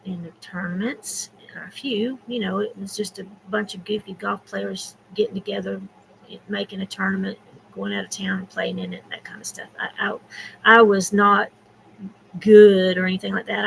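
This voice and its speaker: A woman in her sixties with a Southern US accent talks casually on her live stream, rambling from topic to topic and thanking viewers by name. Her voice has a heavy gravelly fry, and a faint hiss runs under it. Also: mid-range voice, fairly bright tone, rough recording. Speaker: YouTube creator.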